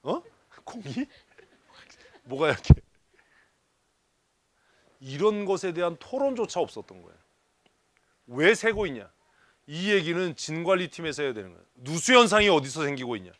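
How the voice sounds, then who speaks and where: Male pastor, seminar talk, lively teasing delivery with lots of questions, dry sound. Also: fairly high pitch, brisk, dry recording. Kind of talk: church leadership seminar talk. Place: church hall.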